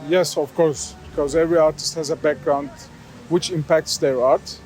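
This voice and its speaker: Man, Turkish accent, high-pitched voice, artist interview, halting explanatory delivery, searching for words. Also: steady tone, a little mellow, faint music behind. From Istanbul, Turkey. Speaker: artist, sculptor being interviewed. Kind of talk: unscripted interview answers.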